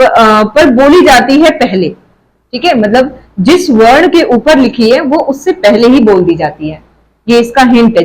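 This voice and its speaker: High-voiced woman teaching a patient lesson. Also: low-quality recording. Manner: patient, explains step by step and repeats words slowly. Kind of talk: Hindi grammar lesson for children.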